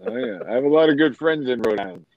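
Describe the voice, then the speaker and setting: A man's voice: mid-range voice, expressive, fast, narrow, tinny audio, a crowd in the background. Laughing, profane New England man. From Massachusetts. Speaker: podcast guest, musician. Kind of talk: casual chat.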